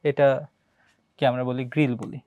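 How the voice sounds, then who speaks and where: A man's voice: mid-range voice, level tone, moderate pace, darkish tone, slight background noise. A young man with a Bangladeshi Bengali accent giving an exam-prep biology lecture, quizzing students and answering his own questions, repeating key terms. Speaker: biology teacher.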